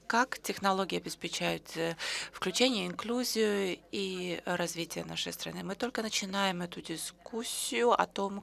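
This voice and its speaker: Low, gravelly woman interpreting. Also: fairly bright tone. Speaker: simultaneous interpreter. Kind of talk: simultaneous conference interpretation.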